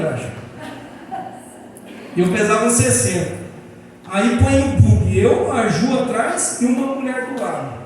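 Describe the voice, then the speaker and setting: A Brazilian man preaches in a large church, telling lively stories and acting out the people in them. His voice sits fairly high and reaches the recording from a distance. It rings through a long, echoing hall with faint room noise underneath. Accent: Brazilian Portuguese. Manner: animated storytelling with acted quotes. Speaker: pastor. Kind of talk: sermon. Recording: echoey church hall, voice from far off.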